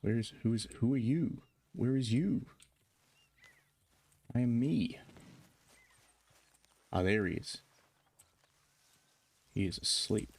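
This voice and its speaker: A man's voice: mid-range voice, animated, slow, vocal fry, pauses often, a little mellow, husky. A man giving chatty, jokey commentary while livestreaming a video game. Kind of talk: casual gaming commentary.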